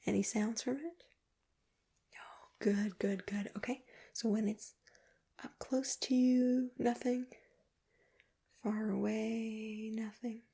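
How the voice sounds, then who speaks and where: A woman doing an ASMR role-play as an ear examiner, speaking in a breathy, gentle, reassuring soft voice with close personal attention. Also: on the high side, steady tone, slow, long pauses.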